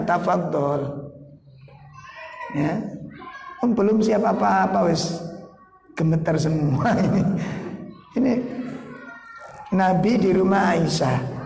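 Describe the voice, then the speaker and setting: A man preaching a sermon, telling stories lively with jokes and acted quotes. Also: sits high, gravelly. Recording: echoey hall with light noise.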